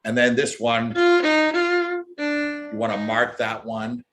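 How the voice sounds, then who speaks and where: A man's voice: lowish voice, completely flat delivery, slow, over loud music. A man teaching a violin masterclass, earnest and emphatic, often repeating his key words. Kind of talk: masterclass coaching. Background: faint violin playing.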